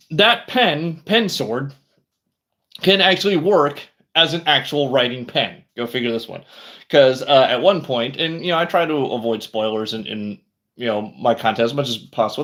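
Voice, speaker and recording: Male streamer, mid-pitched, loose and rambling, lots of fillers, casual chat. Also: a bit bright. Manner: rambling, conversational, many fillers and restarts. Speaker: book review streamer.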